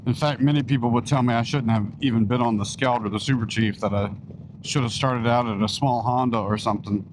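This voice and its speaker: Riding outdoors on rural back roads, a man vlogs casually through a helmet-mounted mic, speaking fairly quickly in a steady, mid-range voice. The rough recording carries wind and engine noise around his enclosed voice.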